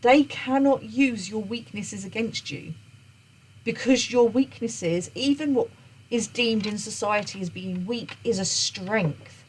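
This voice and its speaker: A woman's voice: mid-range voice, slow, slight background noise, rough recording. A woman gives an unscripted tarot reading. She talks earnestly, often repeats and restarts her phrases, and checks in with "okay?". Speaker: tarot reader.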